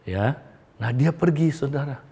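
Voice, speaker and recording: A man's voice: medium pitch, expressive, unhurried, dark tone, slightly rough. Male preacher telling a sermon story. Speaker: pastor.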